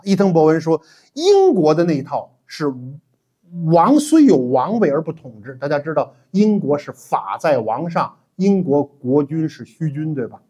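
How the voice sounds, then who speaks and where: A middle-aged man giving an animated, emphatic history lecture as a teacher, with frequent 'ah' fillers. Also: a little high, normal speed. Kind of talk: classroom-style history lecture.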